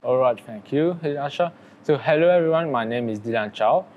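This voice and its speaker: A twenty-year-old man from Mauritius, a student guest on a podcast, speaking in a friendly, slightly halting way. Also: medium pitch, animated, darkish tone, muffled recording. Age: 20s. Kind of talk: casual podcast chat.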